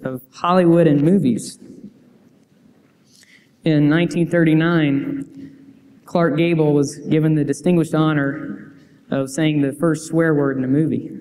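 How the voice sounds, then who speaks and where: His voice a little high, steady, and slightly mellow, a young adult youth preacher speaks at a measured pace and pauses often. He earnestly reads scripture and quotes in a church sanctuary sermon, restarting frequently amid the hall's reverb.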